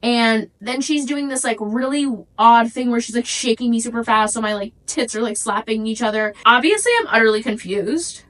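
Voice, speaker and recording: A woman's voice: on the high side, moderate pace, hardly any pauses, poor audio. A candid young woman spinning a crude tale. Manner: candid, crude, animated storytelling. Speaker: podcast host. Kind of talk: casual storytelling.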